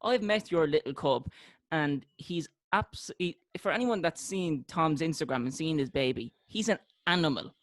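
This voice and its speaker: A man's voice: a little high, expressive, moderate pace, fairly bright tone, no echo. A man hosting a casual podcast, an eager interviewer who laughs easily. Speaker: podcast host.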